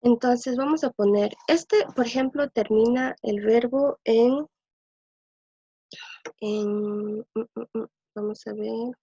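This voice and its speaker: A woman teaching a language lesson, explaining patiently and thinking aloud, repeating words slowly so they can be copied. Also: fairly high pitch, dark tone, breathy edge, no echo. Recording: dull lo-fi dry recording.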